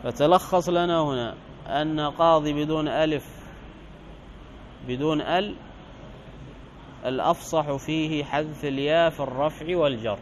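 A man teaching Arabic grammar, explaining a text line by line. He reads the quoted passages louder, slows down on examples and corrects his own slips. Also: a little high, low-quality recording. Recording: faint background noise.

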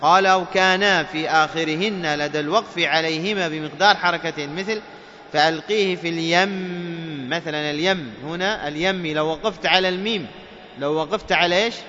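Man, recitation teacher, bright forceful voice, fairly high, long reverb, dull lo-fi sound. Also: a little hiss or hum. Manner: explains rules with quizzing questions, then chants examples slowly. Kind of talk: tajweed lesson.

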